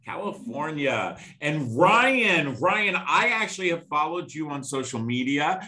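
A middle-aged man with a bright, forceful voice hosts an interview over a video call. He speaks with passion and emphasis, hammering points home by repeating them. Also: a little high, very animated, unhurried, low-quality recording. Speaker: podcast host. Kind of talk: casual interview.

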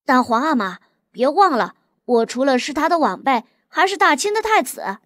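A stubborn young crown prince, played by a woman narrator, speaks firmly and talks back. The voice is high, recorded dry and close. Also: sing-song, moderate pace, fairly bright tone, dry recording. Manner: firm, defiant. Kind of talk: audiobook character voice.

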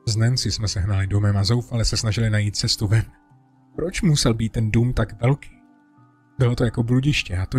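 A man reading a first-person horror story in a steady, dramatic way over a music bed. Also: mid-range voice. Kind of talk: scripted horror narration.

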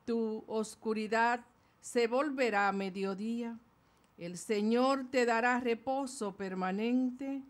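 An older woman reading scripture and the psalm at a lectern in a small chapel, slow and careful. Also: medium pitch. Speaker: lector. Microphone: lectern microphone.

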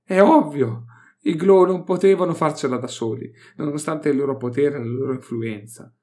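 A man's voice: fairly high pitch, normal speed, dark tone, pitched above the performer's own voice, lightly acted. A man voicing a gleeful, scheming male scholar of alien lore, mocking and triumphant in a theatrical way.

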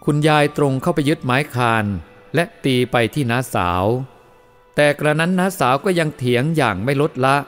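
A man reading a first-person moral story aloud as the storyteller, in a steady, measured way. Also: a little high, soft background music.

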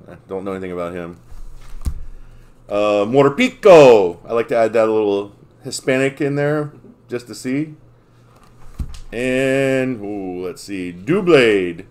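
A man's voice: on the low side, animated, unhurried. A man opening trading card packs on a live stream, in casual chat, playfully confused and stumbling over the names.

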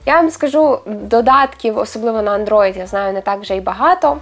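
A woman's voice: medium pitch, brisk. A young woman with a Western Ukrainian accent, a linguist answering viewer questions in a chatty, self-ironic vlog. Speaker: linguist vlogger. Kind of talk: casual vlog Q&A.

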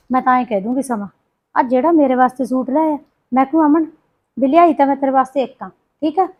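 A woman's voice: a little high, dull audio, lightly acted. A woman playing a talkative, scheming village sister-in-law in a family drama, speaking with a Punjabi accent and a coaxing, gossipy manner. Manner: chatty, coaxing, scheming asides. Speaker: sister-in-law in a short film.

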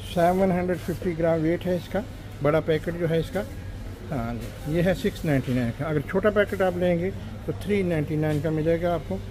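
A man with a slightly high voice walks the aisles of a supermarket, chatting casually into a handheld phone. He rattles off prices in a friendly, polite way. Store noise is clearly audible behind him. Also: fairly quick. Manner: chatty, lists prices, says "ji" and "janab". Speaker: vlogger. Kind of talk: casual shopping vlog walkthrough. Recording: noisy shop background.

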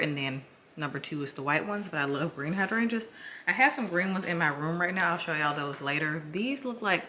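A woman's voice: low-pitched, bright, forceful tone, slight background noise. A young woman chatting casually to her viewers in a home vlog, full of "like" and "um", upbeat and friendly. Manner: chatty, filler-heavy, enthusiastic. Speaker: vlogger. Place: home kitchen.

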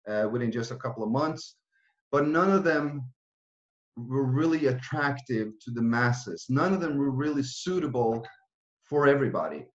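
A man in his thirties from Norway giving an online business presentation from a small room, talking casually with many fillers and restarts. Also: medium pitch. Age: 30s. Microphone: webcam video call. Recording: roomy, dull lo-fi webcam sound.

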